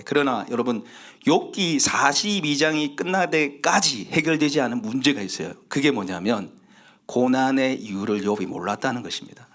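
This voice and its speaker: A male pastor preaching a sermon in an animated storytelling manner. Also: medium pitch. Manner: animated storytelling, acting out voices.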